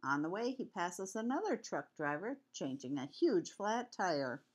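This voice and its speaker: Sweet old lady reading a picture book, lowish voice. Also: very animated, a little slow, husky. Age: older. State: has a cold with cough. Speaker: grandmother reading to a child. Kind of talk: read-aloud children's picture book.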